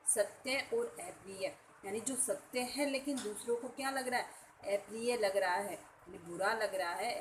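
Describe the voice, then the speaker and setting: Slow, patient woman teaching verses. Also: mid-range voice, slight background noise, rough recording. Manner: slow, explanatory, repeats each word with its meaning. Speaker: Sanskrit teacher. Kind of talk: online class lesson explaining verses.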